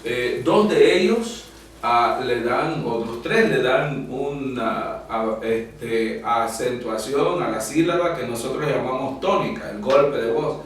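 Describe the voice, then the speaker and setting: A male teacher lectures a class at a slow, deliberate pace, stopping often to gather his words. He is recorded from across the room, so his voice rings with heavy echo over a faint hum. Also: medium pitch, recorded from a distance. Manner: slow and explanatory, with frequent pauses and fillers. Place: classroom with whiteboard.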